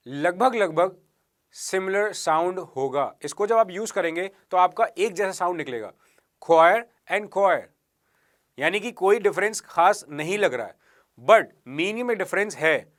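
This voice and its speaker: A man teaching an exam-prep English vocabulary lesson, mixing Hindi and English, explaining slowly and spelling words out letter by letter. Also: high voice, a bit bright. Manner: mixes Hindi and English, addresses viewers as guys and friends.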